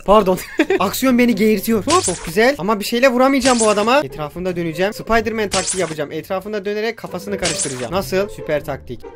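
A man giving jokey, excitable commentary while playing a video game, breaking into yelps and shouts. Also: high-pitched, quick pace. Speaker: gaming YouTuber. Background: game music.

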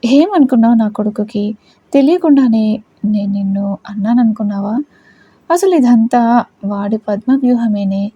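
A woman's voice: a little high, normal speed, long pauses, dark tone, husky, highs cut off. A woman voicing a cruel, scheming mother-in-law who taunts and gloats. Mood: gloating. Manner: taunting, contemptuous.

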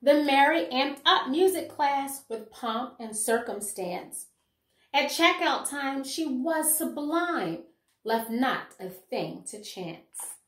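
Here a middle-aged woman, an educator who shares children's picture books, reads one aloud in a deliberate, expressive way, her voice sitting high. She mixes the reading with commentary for children and teachers. The recording, made in a small home room indoors, carries a roomy echo.

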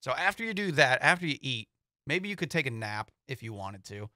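A young man with a bright, forward voice talks football picks in an easygoing, rambling way. The sound is close and dry, taken on a studio microphone in a small studio. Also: mid-range voice, sing-song, fairly quick, no room sound. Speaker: sports show co-host. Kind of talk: casual sports talk. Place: small studio with foam panels. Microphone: studio mic on boom, headphones.

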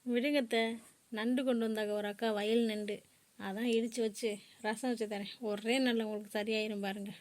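A woman voicing a caring young daughter-in-law in a home-made cartoon, gentle and polite. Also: on the high side, steady tone, brisk, natural voice. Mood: reassuring.

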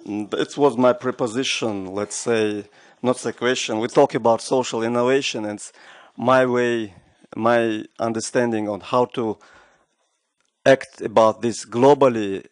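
A middle-aged man in the audience of a large conference room asks a question, speaking earnestly with non-native phrasing and gesturing as he talks. His mid-range voice is steady and a little slow, captured dry on a desk microphone while he wears a headset.

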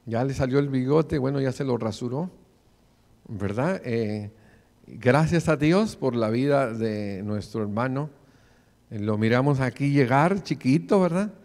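Male preacher, 40s, mid-pitched, earnest sermon, church hall echo. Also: lively intonation, measured pace, darkish tone. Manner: preachy, calls listeners brother often. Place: church sanctuary, in front of the pulpit. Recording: long church reverb.

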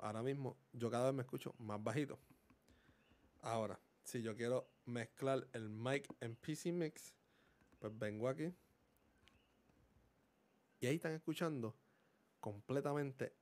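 Puerto rican guy at home walking thru mic settings on a desk mic, mid pitch, keeps going "verdad?" and throwing in english words. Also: a little mellow. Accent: Puerto Rican Spanish. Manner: explanatory, mixes in English words, keeps checking understanding. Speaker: gaming YouTuber reviewing a microphone. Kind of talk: casual tech demonstration. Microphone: desk condenser microphone.

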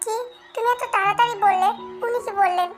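Shy scared young widow, a woman reading her, super high voice, music faint behind. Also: steady tone, fairly quick. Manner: fearful, soft. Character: young widow, timid and loving.

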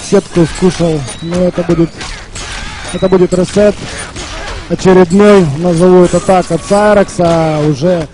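A man's voice: high-pitched, darkish tone. A man giving live fighting game commentary at a tournament, informal, with encouraging interjections. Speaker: esports commentator. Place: live gaming tournament event.

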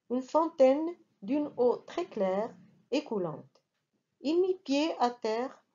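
A woman reading a bedtime story aloud in a slow, soothing manner. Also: high-pitched, darkish tone, muffled recording.

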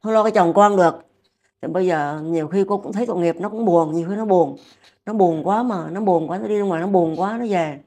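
A woman's voice: lowish voice, fast talker, dark tone. An older woman, a mother-in-law, talks in a rambling, repetitive, pleading way during an emotional home interview. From Vietnam.

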